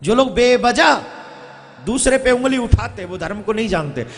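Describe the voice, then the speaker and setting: A man's voice: very high voice, expressive, normal speed. A man giving a devotional sermon to a live crowd, telling a story, acting out its characters and scolding the listeners. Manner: scolds and exhorts the audience. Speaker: religious storyteller. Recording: echoey hall with music.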